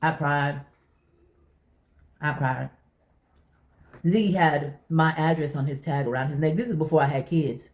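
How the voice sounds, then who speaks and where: Unhurried and a little mellow, this woman's low voice pauses often as she chats and recounts personal stories for her vlog. She's emphatic, circling back to the same phrases to press a point, and the room echoes.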